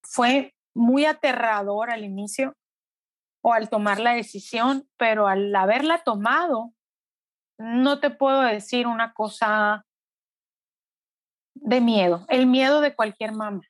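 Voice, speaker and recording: Brief: middle-aged mother, interviewee, fairly high voice, dry close mic, earnest and reflective. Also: dry recording. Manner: reflective, earnest, often slows down. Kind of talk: emotional personal testimony.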